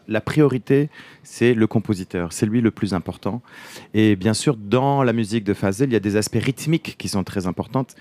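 A man with a French accent and a low voice talks as a guest conductor in an interview. He speaks earnestly and often pauses to search for the right word in a foreign language. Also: a little mellow. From France. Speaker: orchestra conductor.

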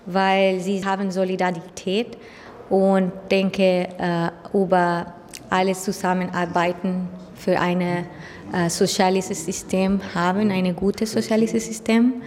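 A woman's voice: fairly low pitch, flat delivery, slow, darkish tone, in a large hall, slight background noise. A woman from Costa Rica giving her opinion in hesitant sentences with many fillers. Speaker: integration course participant.

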